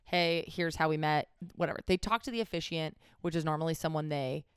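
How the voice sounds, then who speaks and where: A woman with a low voice talks casually, like a co-host among friends. She is halting, often searching for the right word and rephrasing herself. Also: steady tone, clear, resonant tone, dry recording, studio quality. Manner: halting, searching for words, self-correcting. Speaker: podcast or vlog co-host. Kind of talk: casual chat about their own wedding.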